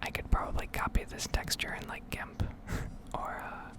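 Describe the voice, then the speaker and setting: Close to the mic, a woman whispers in a heavy, breathy voice, rambling in a casual, hesitant way like an ASMR gameplay video. Her pace is normal.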